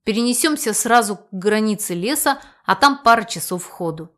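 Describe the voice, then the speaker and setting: A woman's voice: mid-range voice, animated, moderate pace, a bit bright, close to an everyday voice. A woman voicing an irritable young male mage who answers in short, exasperated lines, in an audiobook. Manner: curt and exasperated.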